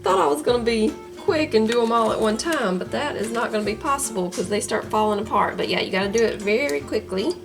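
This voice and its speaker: A woman's voice: a little high, quick pace, creaky, few pauses, over music. A woman with a Southern US accent, chatting homily through her garden and kitchen in a casual vlog, laughing easily as she goes. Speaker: home cook and gardener, channel host.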